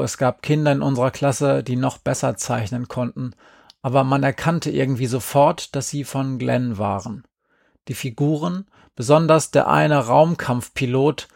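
A man reading a story aloud in a calm, even storytelling manner. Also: mid-range voice, gravelly, no room sound, studio quality. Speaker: narrator. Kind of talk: audiobook narration.

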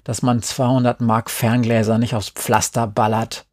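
A man's voice: mid-range voice, flat delivery, normal speed, no echo, studio quality, lightly acted. A man voicing an irritated young boy. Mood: annoyed. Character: young boy, irritated, sulky about his parents.

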